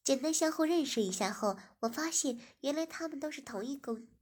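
A woman narrating a story, reading evenly and sometimes dropping into a soft whisper. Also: high-pitched, animated, a little fast.

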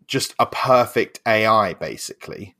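A man's voice: on the low side, expressive, unhurried, sharp tone. A young man co-hosting a casual chat, rambling and swearing freely, often laughing. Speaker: podcast co-host.

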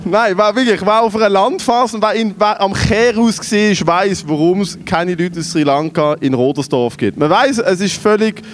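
Swiss German male podcast co-host with a high voice; spins comic anecdotes, laughing as he goes. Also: moderate pace, few pauses, a little hiss or hum. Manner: laughs through his stories, acts out quoted voices. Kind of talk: comedic storytelling.

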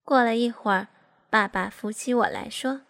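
Woman narrating a story, higher voice. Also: moderate pace, gravelly, a bit bright. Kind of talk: first-person story narration.

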